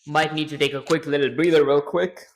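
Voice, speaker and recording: Speaking fairly quickly in a fairly high voice, a livestreaming game developer chats to himself in a relaxed way as he works. His throat sounds strained and he feels lightheaded. The recording quality is low.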